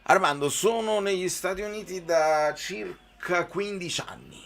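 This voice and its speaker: A man's voice: sits high, a little slow, creaky, a bit bright. A man giving live football commentary mixed with informal, conversational chat to viewers.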